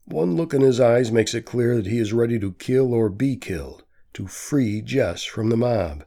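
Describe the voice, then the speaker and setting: A man reading a story aloud as an audiobook narrator, in a measured, steady manner. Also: mid-range voice, creaky. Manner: slow, measured reading with quietly voiced quotes. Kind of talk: scripted narration.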